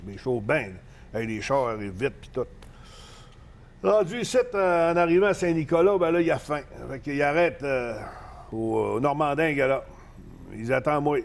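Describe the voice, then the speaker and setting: Older male guest, Saguenay Quebec French accent, animated storyteller, salty language. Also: fairly high pitch, moderate pace. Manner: animated, swears freely, many fillers. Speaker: guest, professional wrestler. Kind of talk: casual anecdote storytelling.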